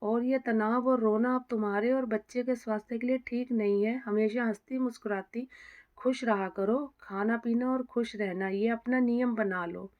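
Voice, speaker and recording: A woman voicing a caring young married woman who coaxes and gently teases a troubled friend. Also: fairly high pitch, steady tone, moderate pace, lo-fi sound, natural voice. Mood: comforting. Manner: warm, coaxing, gently teasing.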